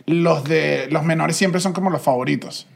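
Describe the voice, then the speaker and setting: Dude cohost, gravelly, pretty high voice, teasing. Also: male voice, normal speed. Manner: teasing, joking. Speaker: podcast co-host. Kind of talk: casual podcast chat.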